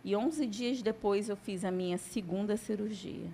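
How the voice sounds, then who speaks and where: A woman's voice: mid-range voice, moderate pace, warm tone. A woman giving a church testimony as a sermon, telling her story dramatically and acting out the dialogue.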